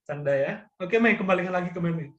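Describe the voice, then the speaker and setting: Chatty high-voiced man on an echoey call. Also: brisk, a bit bright, dull audio. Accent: Javanese-tinged Indonesian. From Madura, Indonesia. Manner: chatty, joking, keeps tagging phrases with fillers. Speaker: public speaking trainer. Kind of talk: casual online training talk. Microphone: video call. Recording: echoey room.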